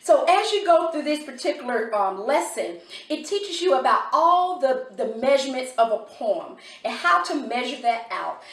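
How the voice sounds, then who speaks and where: A woman reviewing a homeschool curriculum in a casual vlog, talking with excited enthusiasm. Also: sits high, moderate pace, echoey room, recorded from a distance.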